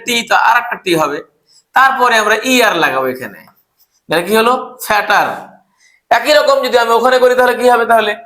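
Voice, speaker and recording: Male tutor, bright high voice, patient letter-by-letter spelling, roomy echo. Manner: spells words letter by letter, asks questions of students. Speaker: English teacher. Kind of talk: grammar lesson.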